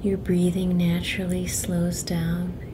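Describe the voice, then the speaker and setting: A woman guiding a relaxation meditation in a soft, breathy, soothing near-whisper, with long pauses between phrases. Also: on the low side, monotone. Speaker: guided meditation guide. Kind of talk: guided relaxation meditation narration. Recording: clearly noisy, ambient sound behind.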